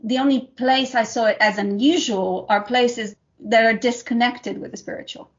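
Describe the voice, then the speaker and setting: A woman's voice: on the high side, fairly even intonation, normal speed. A woman from Serbia, hosting an interview and asking long, winding, eager questions. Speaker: podcast host. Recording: slightly dull audio.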